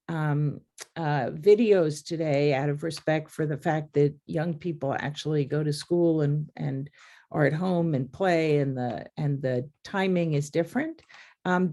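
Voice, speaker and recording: A woman hosting a webinar, speaking in a halting way with many fillers and restarts. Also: low voice, gravelly, warm tone. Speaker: webinar host.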